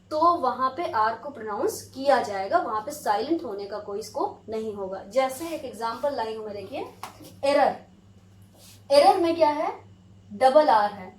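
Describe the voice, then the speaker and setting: Young teacher lady, high voice, patient step by step explaining, echoey room. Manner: patient, explains step by step, mixes English words into Hindi. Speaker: English teacher. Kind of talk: explanatory lesson.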